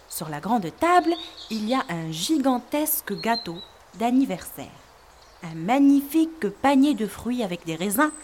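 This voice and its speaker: A woman narrating a children's story in a clear, expressive storytelling manner for learners. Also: on the high side, a little hiss or hum.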